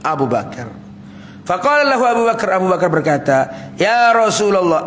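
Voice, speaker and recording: A man's voice: fairly high pitch, a little hiss or hum. Tinged man preaching conversationally. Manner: conversational, asks the audience questions and answers them himself. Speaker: ustadz giving a religious study talk. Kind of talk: casual sermon with questions to the audience.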